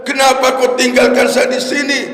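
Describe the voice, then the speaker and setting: Man doing a desperate young mother, pleading, high voice, booming hall echo. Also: completely flat delivery, normal speed, a bit bright. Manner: pleading, repeating the same question. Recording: echoey hall reverb.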